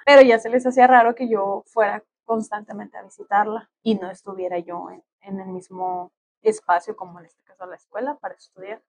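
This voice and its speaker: A young woman, telling a personal story in casual conversation and acting out what other people said. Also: mid-range voice. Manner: animated, acts out quoted voices of others.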